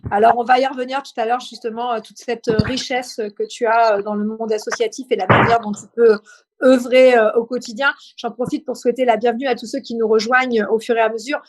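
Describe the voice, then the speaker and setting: A woman's voice: a little high, fairly even intonation, brisk, rough recording. A woman hosting a live interview, speaking informally as she puts questions and introduces topics. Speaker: interview host. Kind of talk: live online interview, quiz-style questions then conversation.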